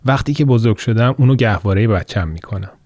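A man's voice: lowish voice, a little mellow, dry recording, lightly acted. A man voicing a sly, mischievous young boy who talks in a teasing, mocking way.

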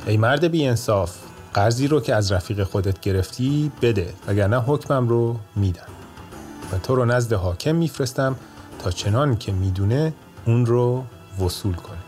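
A man voicing a shrewd, calm old male judge in a told folk tale, speaking in a measured way. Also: medium pitch, soft background music, natural voice.

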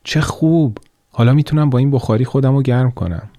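A man's voice: lowish voice, fairly even intonation, dark tone, no echo, lightly acted. A man voicing a poor, cold little girl who sells matches, in a raised, plaintive childlike voice.

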